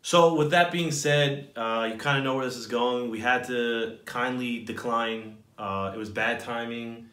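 An animated young man tells his side of the story to camera, playful and expressive. He sits in a small bare room whose walls throw back a noticeable echo. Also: medium pitch, unhurried. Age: young adult. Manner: animated, gesturing, playful banter. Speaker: vlog co-host. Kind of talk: casual chat to camera. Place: small indoor room, seated. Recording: echoey room.

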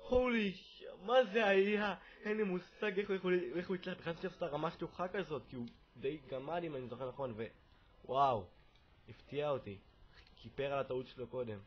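A young Israeli man with a sarcastic wit, commenting on a football video game and bursting into excited yells. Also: fairly high pitch, lo-fi sound, slight background noise. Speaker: gaming video host.

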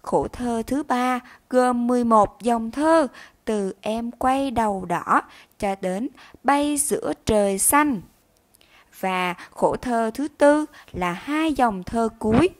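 A young woman teacher with a fairly high voice leads a children's reading lesson. She speaks slowly and deliberately, spelling out sounds with care. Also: lively intonation. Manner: slow, careful enunciation of words and syllables. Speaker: primary school teacher.

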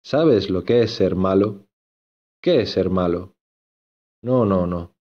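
A man voicing an agitated, lovesick young gentleman from an old novel. He talks earnestly and insistently in a low voice. The recording sounds dull and lo-fi. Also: slow. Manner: earnest, insistent, repeats himself.

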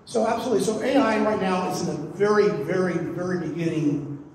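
A man's voice: high voice, fairly quick, darkish tone, a little hiss or hum. A man speaking as a panelist in a conference discussion, explaining things and repeating words while he searches for them. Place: conference room. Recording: echoey conference hall.

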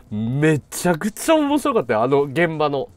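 A man's voice: on the high side, a little mellow, dry recording. A man live-streaming casual chat who tells an anecdote, acting out the people he quotes in changed voices and laughing often.

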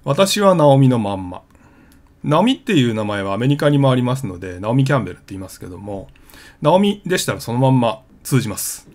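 A man's voice: medium pitch, very animated, quick pace, a little mellow. A man hosting his travel vlog, explaining things in a casual, conversational way with plenty of fillers. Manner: chatty, conversational with frequent fillers.

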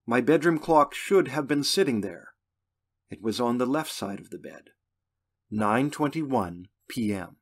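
Man, audiobook narration, first person, measured, middle pitch. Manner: measured, plain storytelling. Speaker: author narrating his own novel.

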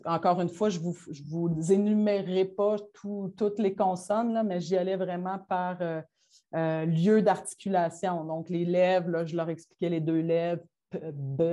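A lowish, mellow-voiced woman with a Quebec French accent talks colleagues through her teaching methods. It's a casual, halting presentation packed with fillers and false starts, and she says she's rushing.

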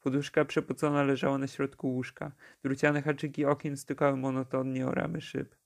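A man narrating a classic novella for an audiobook, in a steady, measured reading. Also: medium pitch, creaky. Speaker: audiobook reader.

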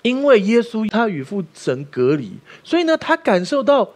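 A man's voice: high-pitched, huge pitch swings, normal speed, darkish tone. A man preaching a sermon as pastor, emphatic and often asking the listeners questions.

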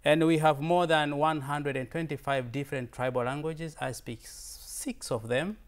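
His voice leans high and stays steady at a moderate pace. He is a visiting fellow in his thirties from Tanzania, Swahili-speaking by birth with a Tanzanian accent, offering an earnest, informal slide presentation full of repeated words and restarts.

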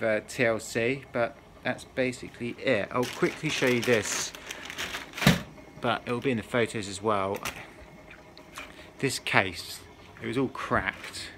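A video maker rambles hesitantly through a casual demo at his cluttered desk indoors, frequently correcting himself as he goes. His pitch is fairly low and his tone fairly bright. Clear background noise fills the room: a humming motor and noisy neighbours.

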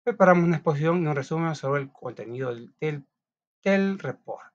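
A man's voice: fairly high pitch, lively intonation, a little fast. A man teaching a class, reading out notes in a chatty way with frequent restarts and small asides. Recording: dull lo-fi recording.

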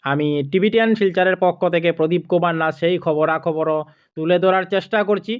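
A man's voice: high-pitched, a little fast, clear, resonant tone, highs cut off. A man doing on-the-spot field reporting as a local news reporter, announcing at a crowded outdoor festival. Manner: announcing, repeats his outlet and name.

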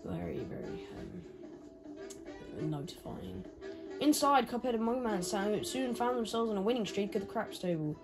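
A woman's voice: fairly high pitch, fairly quick, few pauses. A woman gaming on video, reading the game's story aloud with joking asides. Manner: animated, jokey asides to the story. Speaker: gaming YouTuber. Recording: game music playing behind. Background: game music.

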